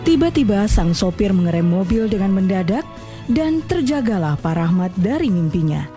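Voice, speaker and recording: A woman narrating a scripted radio drama in a measured, literary storytelling manner. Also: medium pitch, sing-song, over music, close to an everyday voice.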